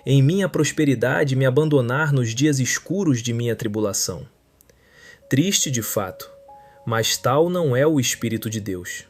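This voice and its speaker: A man narrating a translated sermon in a solemn, measured preaching manner. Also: mid-range voice, a little mellow. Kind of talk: scripted sermon reading.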